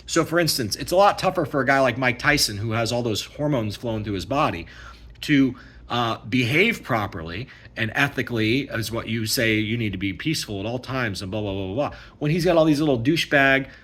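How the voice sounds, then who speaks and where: A man's voice: medium pitch, animated, fairly quick, a bit bright, slightly rough. A man giving a casual, emphatic ranting monologue, repeating himself and asking "okay?" often. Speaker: vlogger.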